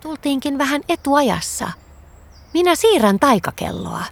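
A woman's voice: high-pitched, sing-song, slight background noise, pitched above the performer's own voice. A woman voicing a friendly, easygoing magical fox in a storybook reading.

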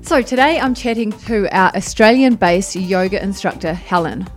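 A woman's voice: mid-range voice, normal speed, soft background music. A woman hosting a podcast, chatting casually with a guest and laughing often. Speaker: podcast host. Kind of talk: casual interview chat.

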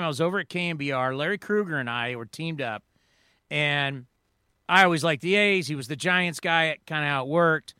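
A man in his forties hosting sports radio talk, telling stories in an energetic, rambling way. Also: fairly high pitch, clear, resonant tone, no echo, clean studio sound. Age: 40s.

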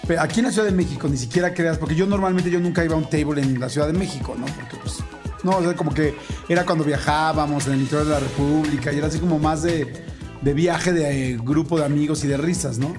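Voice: medium pitch, fast, music in the background. A host with a Mexican accent chatting casually, reacting with frequent short replies before telling a story of their own. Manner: relaxed, frequent backchannel, chatty. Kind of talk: casual chat.

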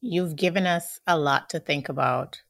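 A woman hosts a podcast interview with a fairly low voice. The sound is dry and close, with no room echo. She teases her guest lightly and laughs as she talks. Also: normal speed, gravelly, fairly bright tone.

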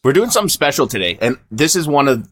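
A man's voice: mid-range voice, sing-song, fast talker, a bit bright, breathy edge. A man co-hosting a podcast in casual banter, rambling and swearing, a bit self-deprecating. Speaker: podcast co-host.

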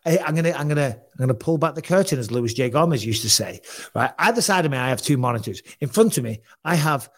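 A man in his forties hosting a casual podcast, brash and quick to swear as he tells stories into a studio mic. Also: mid-range voice, lively intonation. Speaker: podcast host. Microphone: studio mic with headphones.

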